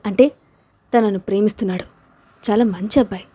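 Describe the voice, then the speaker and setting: A defiant young woman who turns playful and teasing, as the woman reading the storybook voices her. The voice is mellow and warm, at an ordinary pitch. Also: steady tone, fast, husky, close to an everyday voice.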